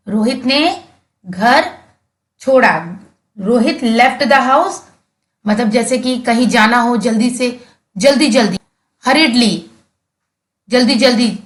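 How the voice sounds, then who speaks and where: An Indian woman teacher, a Hindi speaker, explaining English textbook words slowly and patiently, repeating each key word. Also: a little high, fairly bright tone.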